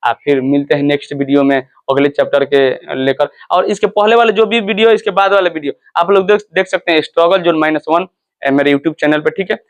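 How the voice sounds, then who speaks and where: High-voiced man teaching a lesson. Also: fairly even intonation, brisk, dull audio. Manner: repetitive, quizzes listeners and answers himself. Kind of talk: explaining a school story.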